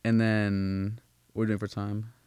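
A man's voice: on the low side, little pitch movement, normal speed, a little mellow, clean tone, no echo. Rambling, swearing young man, dry sound. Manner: rambling, profane, many restarts and fillers. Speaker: podcast co-host. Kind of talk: casual chat.

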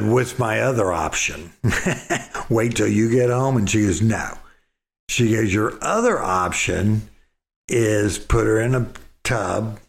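A man's voice: on the low side, vocal fry, echoey room. A middle-aged man telling a story in a folksy, rambling way, repeating words as he goes. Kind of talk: casual storytelling.

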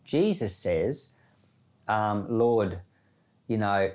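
Speaking extremely slowly, a man with a lowish, slightly mellow voice and lively intonation gives Bible podcast commentary and prayer. He's a pastor whose devotional talk is informal and reflective, in plain everyday language with familiar examples.

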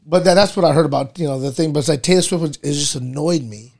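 A man's voice: on the high side, fast talker, creaky, darkish tone. A man co-hosting a casual sports chat, talking like a frat bro with slangy, freely sweary banter. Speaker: podcast co-host.

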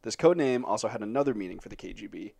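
Guy, low-ish voice, casual podcast host, rambly and full of fillers. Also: lively intonation, rapid-fire, creaky, darkish tone. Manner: rambling, filler-heavy, laughs often. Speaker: podcast host presenting the topic.

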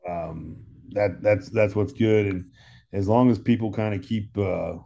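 A man's voice: lowish voice, a little slow, gravelly, warm tone. A man in his thirties with an American accent, a firefighter talking earnestly in a casual chat and often repeating words as he thinks. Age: 30s. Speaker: firefighter guest.

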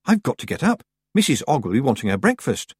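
Man playing a brisk, forthright young witch girl. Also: medium pitch, sing-song, a little mellow, breathy edge, dry recording, studio quality, voice pushed up. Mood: confused, urgent. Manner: forthright, insistent.

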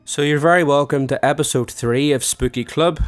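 A man's voice: on the high side, normal speed, soft background music. Congested nasal man hosting a podcast. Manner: chatty, self-mocking, with fillers. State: congested with a cold. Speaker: podcast host. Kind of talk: casual podcast monologue.

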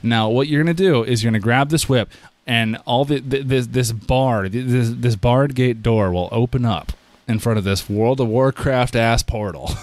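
A man in casual chat explaining how something works, excitable, often restarting his sentences and acting out quoted reactions. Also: medium pitch, moderate pace, no echo.

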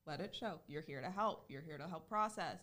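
A woman's voice: low voice, fairly quick, fairly bright tone. A woman guest who works as a therapist, speaking casually and emphatically with frequent laughter. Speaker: guest, clinical social worker. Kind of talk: casual podcast conversation.

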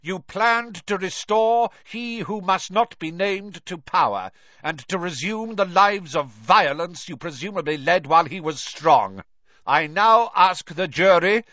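A man's voice: medium pitch, very animated, measured pace, hardly any pauses, a bit bright, dry recording, pitched above the performer's own voice. A man voicing a cold, stern official pronouncing judgment in a court, in a dull, dry recording. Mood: commanding. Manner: cold, commanding.

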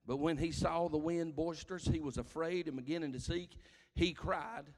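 A man preaching a sermon, impassioned, his delivery swelling into shouted cries. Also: a little high, fairly even intonation, normal speed, long reverb tail. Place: church sanctuary.

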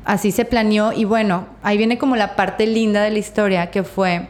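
A woman with a Mexican accent, co-hosting a podcast and telling a personal story in a casual, animated, slangy way. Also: medium pitch, moderate pace. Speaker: podcast co-host.

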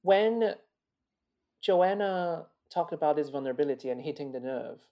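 A Chinese opera singer with a high male voice speaks as an interview guest, earnest and reflective, often restarting and repeating words. He sounds animated and mellow at a moderate pace.

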